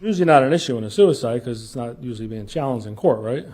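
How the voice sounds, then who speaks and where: Halting male lawyer in a courtroom recording. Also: medium pitch, expressive, darkish tone. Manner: halting, repeats words, pressing questions. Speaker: defense attorney cross-examining. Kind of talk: courtroom cross-examination.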